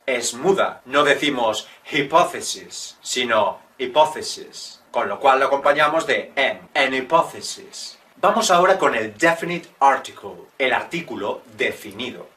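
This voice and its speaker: A man teaching English in a video lesson. He makes jokey asides and reads his English examples slowly and carefully. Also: medium pitch, bright, forceful tone, distant mic. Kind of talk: Spanish-language English lesson.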